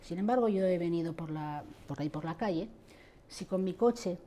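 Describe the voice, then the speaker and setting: Speaking at normal speed in a mellow, lowish voice, a middle-aged woman who advocates for abuse survivors answers interview questions. Her tone is impassioned and indignant, and she addresses church leaders directly.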